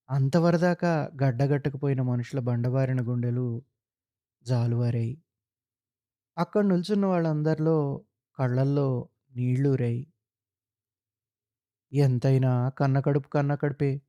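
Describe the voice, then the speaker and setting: Man narrating a short story, slow and solemn, warm gravelly voice, dry close mic. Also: mid-range voice, no room sound. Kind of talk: audiobook-style narration of a literary short story.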